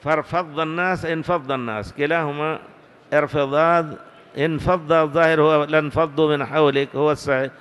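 A man giving a classical hadith lesson, reading slowly and deliberately and stopping to correct words. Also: on the high side, steady tone, fairly bright tone, clear, resonant tone. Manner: slow, deliberate reading with pauses to correct wording. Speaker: hadith teacher. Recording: long hall reverb.

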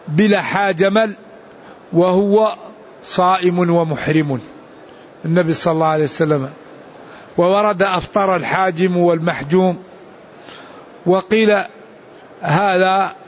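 A man with a fairly high voice delivers a religious lesson, explaining patiently and restarting his sentences now and then. The recording sounds dull and lo-fi, with a faint room ambience behind him. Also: a little hiss or hum. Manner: explanatory, unhurried, with restarts and asides. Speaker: Islamic scholar.

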